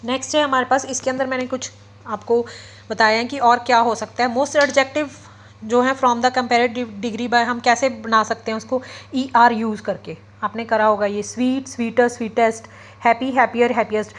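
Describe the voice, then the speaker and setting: Female grammar teacher, slightly high voice, patient step-by-step explainer. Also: steady tone, normal speed, rough recording. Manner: explains step by step, often checks with "ठीक है" and "okay"; mixes English terms into Hindi. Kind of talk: classroom lecture.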